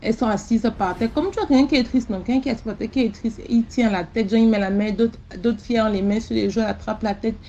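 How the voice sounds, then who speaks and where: Woman rattling off a creepy first-person tale, dark mellow voice, bit lo-fi with faint room noise. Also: a little high, fast, hardly any pauses. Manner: animated, repetitive, with sound words. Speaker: storyteller. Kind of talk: first-person mystical story.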